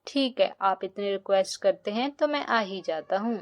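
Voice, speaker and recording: A woman voicing a kindly grown man who gives children horse rides, talking gently and instructively. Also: mid-range voice, normal speed, lightly acted. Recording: dull lo-fi recording.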